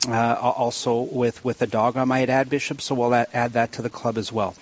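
A middle-aged man hosting a live radio round-table interview, animated and repeating his words for emphasis. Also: medium pitch, brisk. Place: live remote broadcast from a church. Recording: dull band-limited radio sound.

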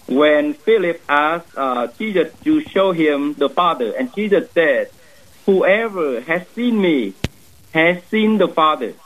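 A man's voice: on the high side, phone-quality sound. A man in his thirties from Vietnam, a priest speaking English with a Vietnamese accent, earnestly telling his vocation story.

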